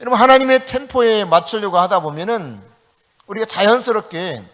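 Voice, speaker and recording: A high, bright male voice swings widely in pitch as a middle-aged pastor from South Korea preaches at an evening prayer meeting, bursting into acted-out prayers and laughing often. His voice rings with the long reverb of a church sanctuary. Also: fairly quick. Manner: animated preaching, acts out prayers and quoted speech with rising emphasis.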